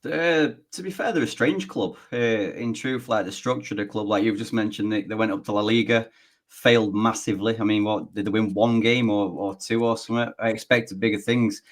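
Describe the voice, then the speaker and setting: A man's voice: fairly low pitch, a little fast. A man with a northern English accent co-hosting a football podcast, chatty and confident in his opinions. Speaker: podcast co-host. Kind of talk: casual football podcast chat.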